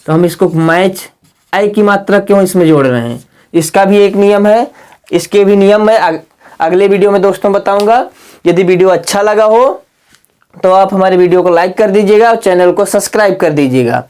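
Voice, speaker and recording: A man teaching English reading rules in a lesson video. He asks his students rhetorical questions and spells words out slowly, letter by letter. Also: high voice, darkish tone, smooth. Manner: keeps asking the class rhetorical questions.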